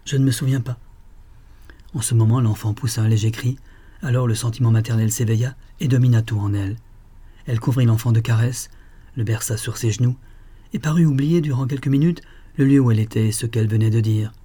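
Husky, mellow male storyteller. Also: medium pitch. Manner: measured, dramatic storytelling. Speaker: audiobook narrator. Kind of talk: scripted literary narration.

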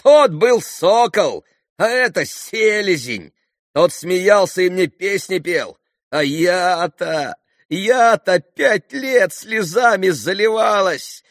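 A man's voice: sing-song, takes it slowly, fairly bright tone, no echo, studio quality, exaggerated voice. A man voicing a hysterical young woman, bitter and mocking, who cries out shrilly. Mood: bitter lament. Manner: shrill, crying out.

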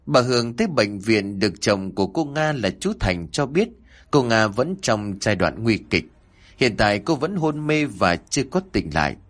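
A man with a low voice tells a ghost story, his pitch rising and falling widely from line to line. The reading is scripted and steady. It never flattens into a monotone. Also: moderate pace. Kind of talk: scripted horror story narration.

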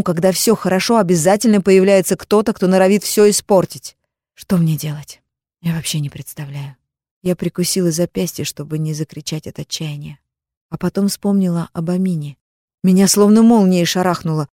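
A woman reading a first-person audiobook in a soft, even, intimate manner. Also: on the low side, dry recording, studio quality. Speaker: audiobook narrator.

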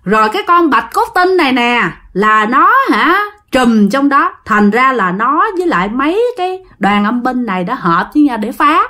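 A woman's voice: a little high, big pitch swings, normal speed, bright, forceful tone. A woman voicing a confident older male fortune-teller who lectures knowingly. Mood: lecturing.

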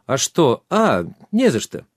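A man's voice: mid-range voice, huge pitch swings, slow, no echo, clean studio sound, voice pushed up, heavily acted. A man voicing an earnest young apprentice wizard who speaks in a pleading, hesitant way. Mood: polite.

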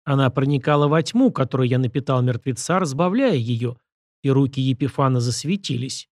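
A man narrating a first-person audiobook in a steady, measured reading. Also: medium pitch, dry recording, studio quality.

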